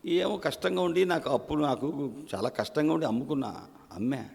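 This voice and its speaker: A man's voice: on the high side, fairly quick, vocal fry, darkish tone. Man preaching a sermon in an echoing hall. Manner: rhetorical questions and chanted lists of verbs. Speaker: pastor. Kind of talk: Sunday sermon. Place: church service. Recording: long echo of a church hall.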